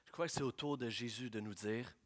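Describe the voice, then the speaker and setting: A man preaching a sermon, swinging from hushed prayerful lines to loud, excited storytelling. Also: mid-range voice, fairly quick. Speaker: pastor.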